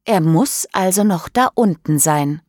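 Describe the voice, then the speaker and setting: A woman's voice: fairly low pitch, lively intonation, measured pace, darkish tone, dry recording, clean studio sound. A woman voicing a playful teenage boy who tells a spooky tale to tease his friends, in an audiobook. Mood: teasing. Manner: teasing, playful. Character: teenage boy, teasing storyteller.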